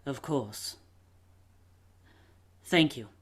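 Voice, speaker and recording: A woman playing a shrewd, poised lady detective in a radio play, brisk, wry and self-assured. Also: extremely low pitch, breathy edge, heavily acted. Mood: cool, stern.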